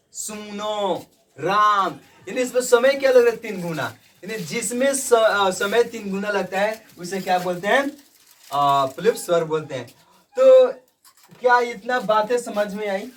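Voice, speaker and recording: A male teacher giving a grammar lesson, who asks questions and answers them himself, repeats each point and calls his students "brother". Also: high voice. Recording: voice somewhat far from the mic.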